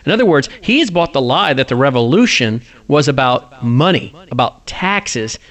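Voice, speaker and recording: A man's voice: mid-range voice, sing-song, normal speed, fairly bright tone. A man hosting a commentary talk show, emphatic and argumentative as he rebuts a recorded clip.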